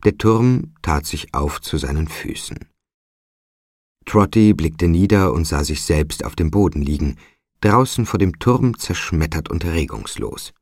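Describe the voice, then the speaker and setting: Slow, deep-voiced male storybook narrator. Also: expressive, darkish tone, no room sound, studio quality. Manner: measured, dramatic storytelling. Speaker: audiobook narrator. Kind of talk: scripted literary narration.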